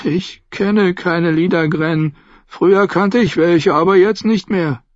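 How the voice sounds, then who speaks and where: Sobbing, whiny young man, pitched well up and slow as a man puts him on, dry and dull sound. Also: husky, dry recording. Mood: pleading. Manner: pleading, whiny. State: crying. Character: frightened plump young man, whimpering.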